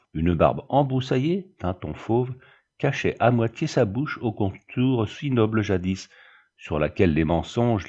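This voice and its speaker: A man reading a story aloud in a measured, descriptive narration. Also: lowish voice, dark tone, breathy edge, highs cut off. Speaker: audiobook reader.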